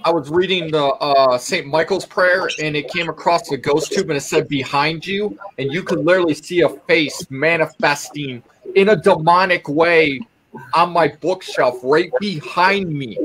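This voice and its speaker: Husky-voiced man telling ghost stories. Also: a little high, normal speed, fairly bright tone. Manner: rambling, restarts, retells eerie encounters. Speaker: guest paranormal investigator. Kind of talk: casual storytelling on a video call. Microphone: video call.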